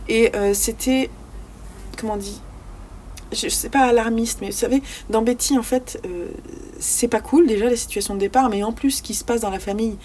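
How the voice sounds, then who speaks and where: A slightly high, darkish-toned voice belongs to this book vlogger, who chats informally about what she's been reading. Faint background noise is present, and she often stumbles for words with fillers and restarts.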